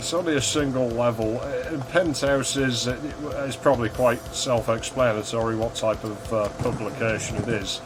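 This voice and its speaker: A man's voice: medium pitch, fairly even intonation, normal speed, hardly any pauses, background noise. A man giving casual, understated commentary as he plays through a game, musing as he goes. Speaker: gaming video host. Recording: loud game music behind voice. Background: game music and sound effects.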